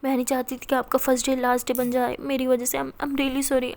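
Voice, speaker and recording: A woman's voice: high voice, completely flat delivery, a little fast, a little mellow. Timid, shaky-voiced young student girl, read by a woman storyteller. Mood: tearful. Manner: shaky, apologetic, hesitant. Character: young female college student, timid and tearful.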